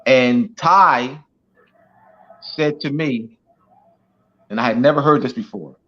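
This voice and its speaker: A man's voice: mid-range voice, takes it slowly, fairly bright tone. A man speaking as a guest speaker in a teaching talk, emphatic and repetitive, with many "you know"s. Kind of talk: teaching talk on an online show. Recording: dull lo-fi audio.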